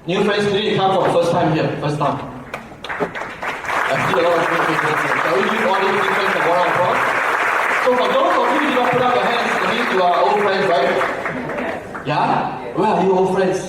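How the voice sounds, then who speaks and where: A man's voice: sits high, moderate pace, very noisy. A man in his forties, from Malaysia, giving a conversational seminar talk to an audience. He asks the crowd questions and keeps adding "right?". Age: 40s. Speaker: business speaker. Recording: echoey hall from far off.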